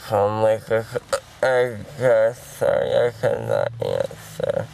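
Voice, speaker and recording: A young man just out of wisdom teeth surgery, slurred and groggy, rambling haltingly and confusedly in casual chat. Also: wildly swooping pitch, gravelly, darkish tone, distant mic. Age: young adult. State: groggy and slurred after wisdom teeth removal, mouth full; hiccuping. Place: inside a car. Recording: noisy car, rumbling background noise.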